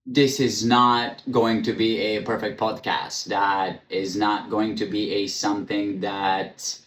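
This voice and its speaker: This podcast host, whose first language isn't English, has a lowish, slightly bright voice with flat delivery and a slow pace. He talks frankly and bluntly in a solo monologue, with stutters, restarts, lots of ums and occasional casual swearing, recorded on camera in an echoey room with faint ambience.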